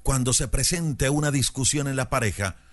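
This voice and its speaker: A man who lectures on public speaking, telling a story and then explaining a lesson in a measured, explanatory way. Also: mid-range voice, fairly bright tone.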